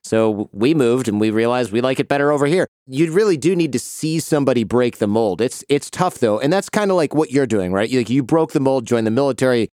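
A man from Detroit hosting an interview, chatting in a relaxed, reflective way. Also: mid-range voice, fast talker, few pauses, no room sound, studio quality. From Detroit, Michigan. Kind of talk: casual interview chat.

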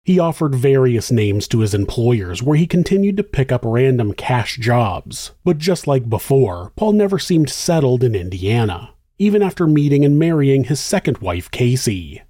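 A man narrating a true crime show as its host, in a suspenseful, measured and grave scripted storytelling style. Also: mid-range voice, very animated, warm tone, no room sound, clean studio sound.

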